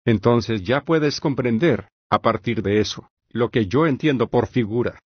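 A male reader voicing Socrates, an older patient philosopher, reading in an even, measured way with long reasoned questions. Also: medium pitch, breathy edge, no room sound, dull audio. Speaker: audiobook reader. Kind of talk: scripted audiobook reading of a philosophical dialogue.

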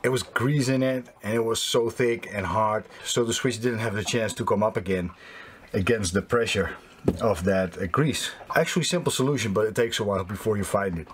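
A man in his fifties with a Dutch accent casually explains DIY repairs in halting non-native English, searching for words as if translating in his head. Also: lowish voice, noisy background. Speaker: sailing vlogger. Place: small boat cabin interior.

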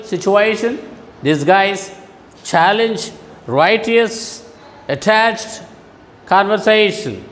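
A man teaches young pupils in an online lesson, his voice fairly high and his delivery unhurried. He patiently repeats and rephrases each word, and the room rings with a long echo over a faint hum. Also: fairly bright tone. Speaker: school English teacher. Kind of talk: online classroom lesson for children.

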